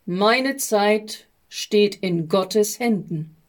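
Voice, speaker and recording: A woman voicing the Envoy, a weary but resolute male traveller, calmly in a storybook reading. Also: mid-range voice, slow pace. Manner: calm and resolute.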